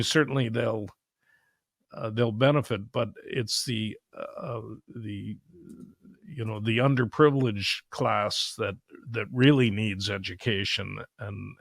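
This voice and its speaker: Slow, halting male podcast host. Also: on the low side, vocal fry, no room sound, studio quality. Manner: halting, hesitant questions with fillers. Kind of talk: podcast interview.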